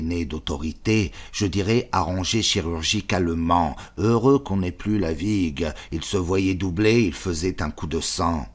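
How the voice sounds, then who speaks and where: A man reading a novel aloud in measured, choppy literary phrases. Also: low-pitched, slightly rough. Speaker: audiobook narrator.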